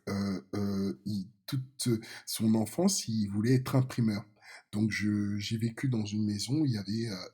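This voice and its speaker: A man in his fifties speaks in a husky, slightly low voice. He talks in a relaxed, casual way as a podcast guest. He often stops, restarts and fills pauses while he searches for words. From France. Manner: hesitant, many fillers and restarts. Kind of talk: casual interview talk.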